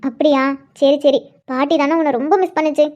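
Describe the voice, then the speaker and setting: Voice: high-pitched, fairly even intonation, a little fast, darkish tone, close to an everyday voice. A performer voicing a tearful young woman, a clingy bride-to-be who pleads with her brother, in a cartoon. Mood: pleading. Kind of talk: cartoon voice acting.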